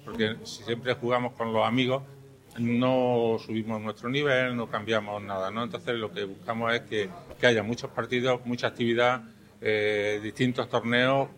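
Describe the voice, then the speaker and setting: A man, a tennis club organizer, explaining the season's plans in a steady way with some hesitant fillers. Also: mid-range voice, moderate pace. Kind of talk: interview answer.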